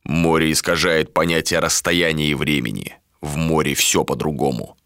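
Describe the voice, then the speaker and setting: A man's voice: rumbling low, normal speed, fairly bright tone, no echo, studio quality, pitched below the performer's own voice. A man voicing a harsh, curt male sea captain and warrior in an audiobook. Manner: curt, commanding.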